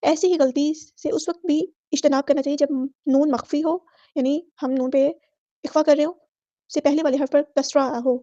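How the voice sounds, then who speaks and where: Lady teaching tajweed, high but kind of flat and mellow, dull dry lo-fi audio. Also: no room sound. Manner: explains each rule briskly, then recites words slowly with long drawn-out vowels; methodical, repeating set phrases for every letter. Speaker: Quran recitation teacher. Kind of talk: tajweed lesson, explaining rules and reciting slowly.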